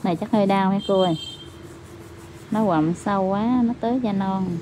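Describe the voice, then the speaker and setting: A woman nail technician with a Southern Vietnamese accent, gently reassuring her client and explaining to viewers as she works. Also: medium pitch, moderate pace, noisy background. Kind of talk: livestream commentary while working.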